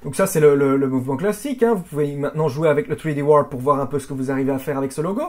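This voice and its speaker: Editing teacher walking thru software, lots of hop and voila, asks himself questions, restarts words. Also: medium pitch, racing. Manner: chatty, with frequent "hop", "voilà" and "hein" fillers; asks rhetorical questions and answers them. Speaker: video editing instructor. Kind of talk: software screen tutorial.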